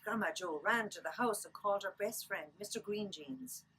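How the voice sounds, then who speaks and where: A woman's voice: mid-range voice, sharp tone, breathy edge, poor audio. An Irish woman telling stories to children in a lilting, dramatic read-aloud manner, drawing out words for effect. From Ireland. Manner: lilting, dramatic storytelling delivery with drawn-out words. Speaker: storyteller.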